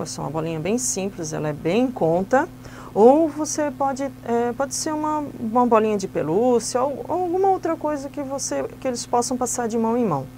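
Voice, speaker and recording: A woman's voice: mid-range voice, darkish tone, a little hiss or hum. A woman explaining church classroom activities for children step by step, in a patient, instructive way. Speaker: Sunday school teacher trainer.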